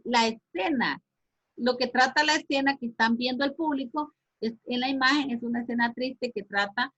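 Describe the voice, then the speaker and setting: A woman's voice: sits high, a bit bright. A woman teacher giving an online class, hesitant with many fillers and restarts, asking her students questions. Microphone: video call. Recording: muffled lo-fi online call audio.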